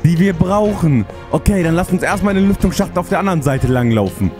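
A man's voice: sits high, lively intonation, fast talker. A man doing let's play commentary, chatting himself through puzzles and easily spooked. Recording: voice over game music.

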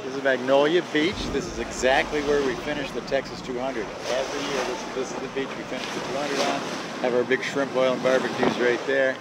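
A man's voice: mid-range voice, level tone, a little fast. A man in his fifties chatting upbeat to a camera held at arm's length, outdoors on a beach, like a casual tour guide. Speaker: vlogger and sailing club member. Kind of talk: casual vlog narration. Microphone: phone camera held at arm's length. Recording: wind noise on an outdoor phone mic.

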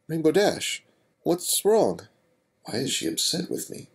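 A man voicing an anxious, bookish young female unicorn with a high, fretful voice. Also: big pitch swings, breathy edge, exaggerated voice. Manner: fretful, rapid, raised.

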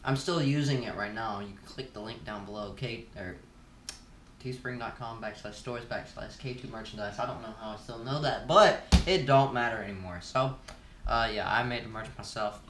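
A man's voice: medium pitch, normal speed, noisy background. Teen male YouTuber host, laid-back rambler chewing gum, roomy echo, mic some distance off. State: chewing gum while talking. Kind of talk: casual Q&A vlog.

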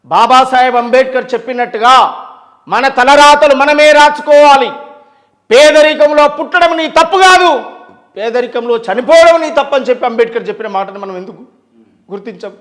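A man's voice: extremely high pitch, moderate pace, a bit bright. A man with a Telangana accent speaking as an interview guest, emphatic and full of rhetorical questions and long lists. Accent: Telangana Telugu. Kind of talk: impassioned interview talk.

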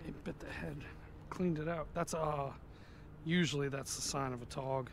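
Fishing on a pier above an inlet, a man vlogs through a head-mounted action camera, casually talking and muttering to himself. His voice is fairly high, steady, and creaky at a normal speed, and the background is noisy.

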